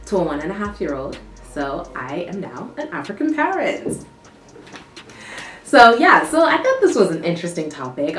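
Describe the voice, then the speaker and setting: A young woman chats casually to camera in a low voice. She talks loosely, restarting thoughts and filling gaps with "like" and "um". She sounds a bit distant from the mic in an echoey room, with music playing underneath. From United States. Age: young adult. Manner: chatty, loose, restarts often, fillers like "like" and "um". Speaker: vlogger. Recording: roomy echo, distant mic, background music.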